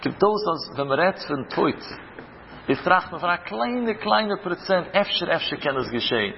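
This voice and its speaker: Using stories and rhetorical questions, a man speaking as a rabbi gives a religious talk in a high, expressive voice at moderate pace. The audio is dull and lo-fi, echoing in a hall with slight hiss or hum.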